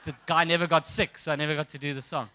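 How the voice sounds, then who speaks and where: Young afrikaans guy doing stand-up, high bright voice, keeps putting on silly voices for people in his stories. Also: fast, a little hiss or hum. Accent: Afrikaans South African. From South Africa. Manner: animated, slips into mocking voices for characters. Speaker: stand-up comedian. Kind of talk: stand-up comedy set.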